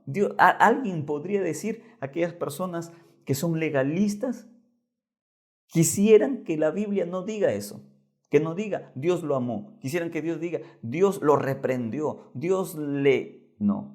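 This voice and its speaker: A man preaching a Bible lesson as pastor, swinging between loud emphatic lines and hushed soft ones. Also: a little high, creaky.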